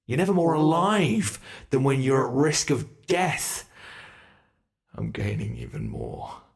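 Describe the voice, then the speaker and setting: A man performs an ancient monster in an ASMR roleplay, a scripted monologue where it sadistically toys with human prey, savoring the menace. His mid-range voice creaks with fry and swoops wildly in pitch, lingering slowly over every threat. The delivery is heavily acted, theatrical and teasing, sinking into breathy, menacing whispers.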